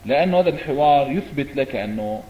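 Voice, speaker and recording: Levantine guy firing back in a debate, lively voice that goes up and down, talks quick, echoey room. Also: medium pitch, lo-fi sound. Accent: Levantine Arabic. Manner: animated, rebutting. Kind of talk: religious debate.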